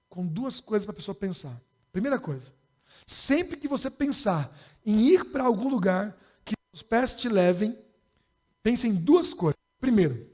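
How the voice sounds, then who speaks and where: A man's voice: sits high, mellow. A Brazilian man preaching a sermon as pastor, speaking in a conversational, humorous way and rising in emphasis on key points. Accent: Brazilian Portuguese.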